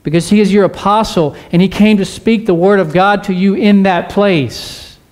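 Preaching in a church, a male pastor speaks in a high-pitched, slightly mellow voice with fairly even intonation and normal speed. His earnest exhortation leans on repetition and rhetorical questions aimed at the congregation.

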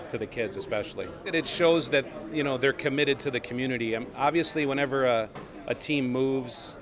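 A man in his forties, a high school coach and teacher, giving an on-camera interview in an earnest, rambling way full of fillers. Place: outdoor stadium plaza with crowd around. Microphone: lapel mic. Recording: crowd noise behind.

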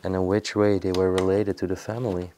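A young man narrating an exploration vlog in an abandoned house, curious and hushed as he handles old objects. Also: deep voice, level tone, brisk, a little hiss or hum. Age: young adult. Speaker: urban explorer.

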